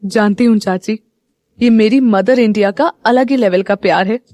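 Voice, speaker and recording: A woman's voice: mid-range voice, normal speed, a little mellow, no room sound, clean studio sound, natural voice. A woman narrator voicing a cheerful, playful young woman who teases her family and turns earnest about her brother. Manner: bubbly and teasing, earnest when alone.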